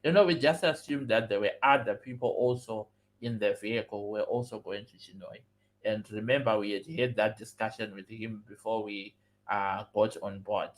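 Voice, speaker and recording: A young man telling a personal story on a livestream, animated and acting out dialogue. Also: on the low side, normal speed, rough recording. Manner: animated, acts out quoted dialogue. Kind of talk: casual storytime.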